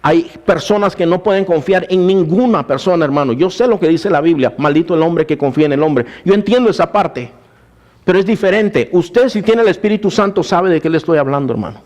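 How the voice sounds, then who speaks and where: Calling his audience "brothers," a male pastor tells his personal testimony within a sermon, alternating between loud preaching and quiet storytelling. He speaks in a high, animated voice at a brisk pace.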